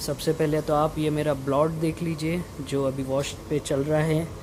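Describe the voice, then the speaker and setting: A young man, a vlogger and lab researcher, gives a casual tour of an indoor research lab, speaking at a moderate pace in a fairly high, level voice. He drops in English technical terms informally, and his face mask slightly muffles him. Lab equipment and air conditioning hum clearly in the background.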